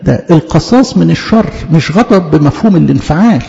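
Man, Egyptian Arabic accent, preacher, quick delivery, mellow voice, rhetorical questions, long hall reverb. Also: on the high side, expressive, gravelly. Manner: argues with rhetorical questions and emphatic repeated denials. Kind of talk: teaching sermon. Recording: echoey hall, dull lo-fi sound.

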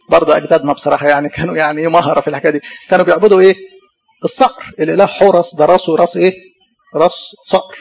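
A man's voice: on the high side, gravelly, husky. A man with an Egyptian Arabic accent preaching a sermon. He keeps asking the congregation questions and then answers them himself. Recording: dull lo-fi recording.

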